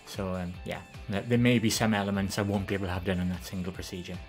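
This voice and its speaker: She's a live streamer from the Valleys in Wales, fielding viewer questions in a fast, fairly even-toned ramble. Soft music plays behind her gentle, soft voice, which is low and less feminine, and her talk is full of ums and corrections.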